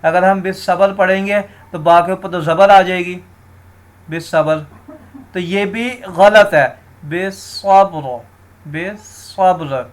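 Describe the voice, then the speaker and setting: A man teaching Quran recitation rules, explaining each rule and then slowly sounding out words to demonstrate, often turning to his viewers as friends. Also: high voice, steady tone, clear, resonant tone. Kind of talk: tajweed lesson, explaining and demonstrating.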